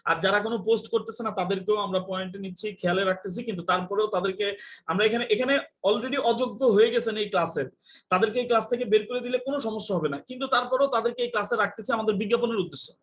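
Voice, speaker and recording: A man's voice: sits high, rapid-fire, a bit bright. A young man teaching English in a live online class, joking and scolding and mixing in English phrases.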